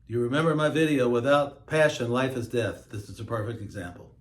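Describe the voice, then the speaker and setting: A man hosting his own show, talking in a slow, emphatic, preachy monologue. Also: medium pitch, roomy sound. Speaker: host. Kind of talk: monologue to camera.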